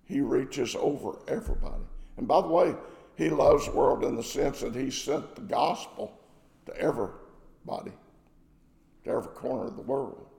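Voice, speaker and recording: A man's voice: medium pitch, expressive, normal speed, creaky, darkish tone, in a large hall. A man preaching a sermon as pastor, emphatic, asking rhetorical questions.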